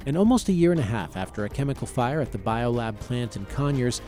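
A man's voice: medium pitch, lively intonation, fast talker, mellow, faint music behind. An American man hosting a news program, reading scripted news narration. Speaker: news podcast host.

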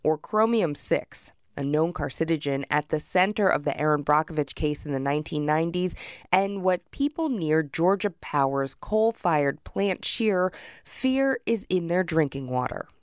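A woman's voice: low-pitched, lively intonation, normal speed, clean tone, dry recording, studio quality. An American woman working as a radio reporter, narrating a scripted news story.

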